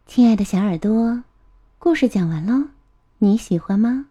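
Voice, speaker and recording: A woman storyteller reading a picture book aloud to children, gentle and expressive. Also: fairly high pitch, husky. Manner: gentle, expressive, drawn-out phrasing.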